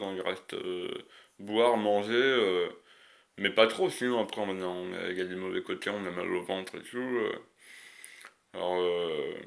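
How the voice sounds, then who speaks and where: Lisping man, low-pitched rambler. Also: gravelly, fairly bright tone. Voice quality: lisp, slushy s. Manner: rambling, hesitant, frequent long searching pauses; crude slang. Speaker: video creator. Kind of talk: unscripted casual monologue.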